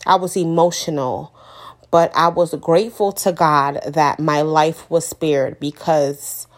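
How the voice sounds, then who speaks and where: Woman, 30s, low voice; earnest first-person testimony, emphatic repetition. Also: steady tone, takes it slowly. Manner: earnest, emotional, repeats for emphasis. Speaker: mother sharing her story.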